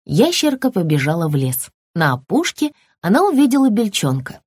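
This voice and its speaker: A woman reading a children's storybook aloud in an expressive, lively way. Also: mid-range voice, moderate pace, husky, dry recording, clean studio sound. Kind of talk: scripted storybook narration.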